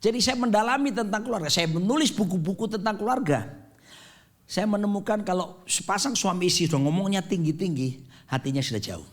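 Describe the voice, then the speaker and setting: A pastor in his fifties preaching a sermon in a dramatic, animated way, mixing jokes and English phrases. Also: high voice, brisk. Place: church sanctuary.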